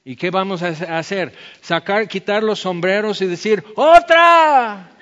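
A man's voice: high-pitched, steady tone, fairly bright tone, in a large hall, highs cut off. A man preaching a sermon, breaking into sung hymn phrases to make his point and ending in prayer. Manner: slow, sings phrases of hymns to illustrate. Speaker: pastor.

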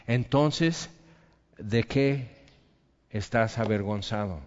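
A man preaching a sermon, swinging between loud emphatic lines and soft quiet ones. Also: on the low side, drawn-out words, big-room sound, lo-fi sound. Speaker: pastor.

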